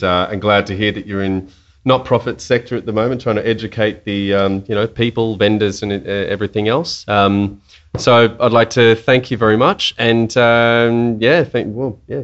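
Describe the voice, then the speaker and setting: A man hosting a podcast who thanks his guest in an affable, appreciative manner. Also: fairly low pitch. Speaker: podcast host. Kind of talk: interview wrap-up chat. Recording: dull lo-fi recording.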